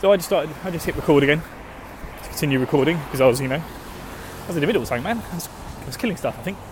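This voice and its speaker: Animated, racing, and on the high side, an Essex man with an Estuary English accent hosts a gaming show, rambling informally to his listeners. His diction is slightly slurred and lazy, and the chat is jokey and full of swearing. Traffic noise runs through the handheld phone recording as he walks outdoors in a city setting.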